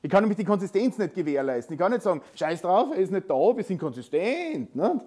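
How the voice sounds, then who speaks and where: A man's voice: high-pitched, very animated, quick pace, darkish tone. A man with an Austrian accent giving a technical conference talk in a lecture hall, conversational and full of tag questions. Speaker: conference speaker.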